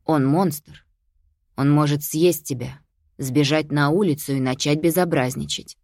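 A woman reading an audiobook, voicing a serious father who speaks gravely and with doubt. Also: low voice, steady tone, measured pace, darkish tone, dry recording, clean studio sound.

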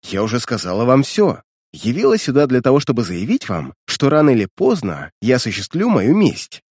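A man's voice: mid-range voice, huge pitch swings, fairly quick, darkish tone, breathy edge, no echo, clean studio sound, heavily acted. A man voicing a defiant, vengeful female criminal as he reads a detective story aloud, in a threatening tone.

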